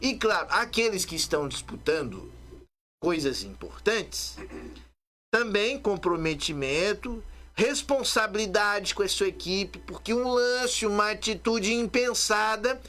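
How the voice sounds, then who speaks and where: A man's voice: high-pitched, lively intonation, unhurried, bright, forceful tone. A man hosting a live radio sports show, talking emphatically and addressing listeners directly. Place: radio studio.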